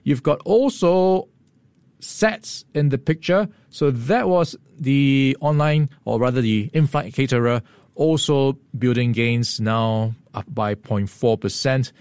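A man co-hosting a radio market report, brisk and lightly playful, a little hoarse. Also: mid-range voice, darkish tone, no echo. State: slightly hoarse. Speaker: market news co-host. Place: radio studio. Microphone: studio microphone.

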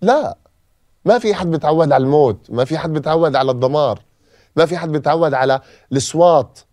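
A man's voice: fairly high pitch, quick pace, a little mellow, no room sound, clean studio sound. A man from Gaza with a Palestinian accent gives an emotional personal testimony as a podcast guest and repeats phrases for emphasis. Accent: Palestinian Arabic.

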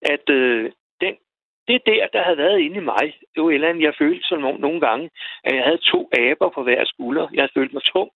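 A man calling in to a radio show, telling a personal story in a halting way, repeating words as he goes. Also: on the high side, lively intonation, creaky, no echo. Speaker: radio caller. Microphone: telephone. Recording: tinny phone line, dry.

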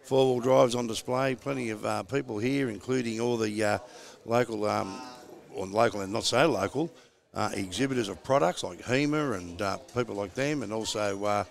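A man's voice: on the low side, moderate pace, creaky. A man with an Australian accent hosting a casual podcast chat in a laconic, drawling country manner. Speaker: podcast host.

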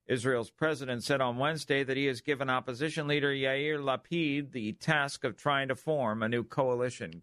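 A man's voice: medium pitch, fairly bright tone, dry recording, clean studio sound. A man reading scripted news as a radio anchor.

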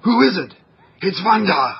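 A man's voice: sits high, very animated, a little slow, creaky, muffled recording, slight background noise, full character voice. A man voicing a sneering germ villain who hates clean, healthy children, gloating and disgusted in a theatrical way.

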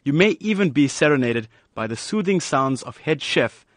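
A man's voice: on the high side, animated, moderate pace, no echo. Male news reporter, dry studio voice. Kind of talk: scripted news narration.

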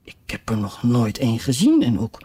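Timid polite girl in a storybook, voiced by the reader, husky tone, lively pitch. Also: normal speed. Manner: polite, hesitant. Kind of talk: audiobook reading.

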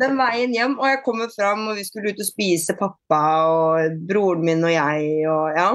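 A woman being interviewed on a podcast, chatting casually, with many fillers and restarts and lively retold dialogue. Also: mid-range voice, no echo, studio quality. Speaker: podcast guest, bodyfitness athlete.

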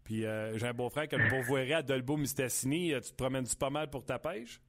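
A man with a Quebec French accent hosting a sports show, chatty and upbeat with drawn-out fillers. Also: mid-range voice, fairly bright tone. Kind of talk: interviewing and chatting.

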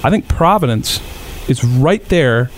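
A man's voice: medium pitch, expressive, measured pace, slight background noise. A man from Rhode Island, co-hosting a casual sports podcast chat, making his case by stacking up points. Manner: building lists of points. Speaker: podcast co-host.

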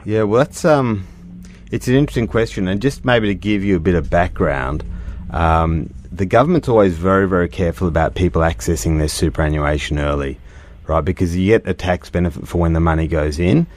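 A middle-aged man with a deep voice speaks briskly while hosting a radio show. In this casual radio chat he's chatty, explaining things patiently and using plenty of fillers.

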